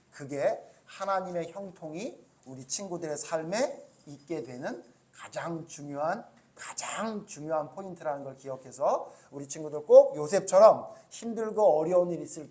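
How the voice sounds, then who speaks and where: A middle-aged pastor preaching to children in a bright, fairly high voice. He tells his story in a lively way and keeps asking the kids questions. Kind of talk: children's sermon.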